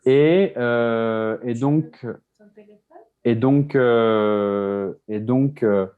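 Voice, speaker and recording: Interview guest, French man, middling pitch, halting delivery full of restarts and repeated words, casual chat. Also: clear, resonant tone, phone-quality sound. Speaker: guest, beer business co-founder. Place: Mexico City.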